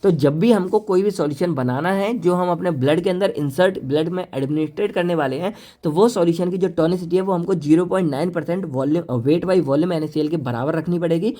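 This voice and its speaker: एक पुरुष pharmacy lecturer, जो बातचीत भरे अंदाज़ में छात्रों को सीधे संबोधित करते हुए पढ़ाते हैं और हिंदी में अंग्रेज़ी शब्द मिलाते हैं।. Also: male voice, high voice, brisk, few pauses, warm tone. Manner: chatty teacher mixing Hindi and English terms; addresses students directly and playfully. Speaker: pharmacy lecturer. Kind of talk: casual classroom lecture.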